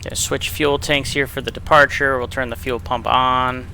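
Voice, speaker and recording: A man's very bright, sharp voice comes through a pilot's headset mic in the cockpit. He talks calmly through each step of his flight checklist, like a running commentary. Faint noise hums underneath. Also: medium pitch, moderate pace, vocal fry. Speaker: virtual pilot streaming a flight simulator. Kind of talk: flying a simulated plane and talking chat through each step.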